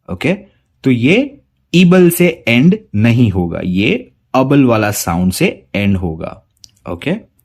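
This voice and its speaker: A man teaching English pronunciation, his voice a little husky and his speech unhurried. He repeats each word with care and contrasts wrong and right sounds, his pitch moving up and down a lot as he stresses them. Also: darkish tone. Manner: slow, deliberate, repeats words to model pronunciation. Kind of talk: spoken English lesson in Hindi.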